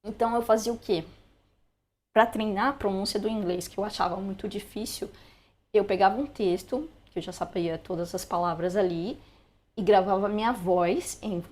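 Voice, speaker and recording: Young brazilian woman talking thru a screen lesson, chatty, lots of little asides, mid-pitched voice. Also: darkish tone. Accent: Brazilian Portuguese. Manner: chatty, explains as she goes with frequent asides. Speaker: language learner sharing study tips. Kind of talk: casual screen-recorded lesson.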